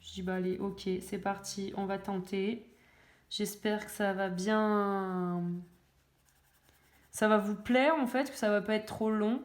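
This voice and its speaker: Young woman, casual coloring vlog chat, mid pitch, hesitant and self-mocking, echoey home room. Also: fairly even intonation, takes it slowly. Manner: hesitant, many fillers, self-mocking jokes. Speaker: coloring video creator.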